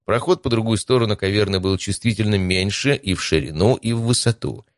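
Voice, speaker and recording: A man with a very deep voice reads an adventure audiobook in a calm, even first-person narration. The sound is close and completely dry, with no room echo. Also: fairly quick.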